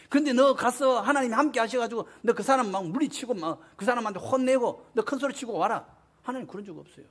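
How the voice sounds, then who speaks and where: A man's voice: very high-pitched, a bit bright, husky. A man, preaching a sermon as pastor, emphatic and often asking the congregation questions. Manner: emphatic, asks the congregation questions, acts out quotes.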